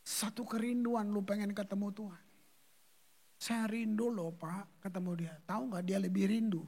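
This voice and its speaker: A male pastor preaching a sermon in slangy, animated storytelling, acting out the people in his stories. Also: high-pitched, normal speed.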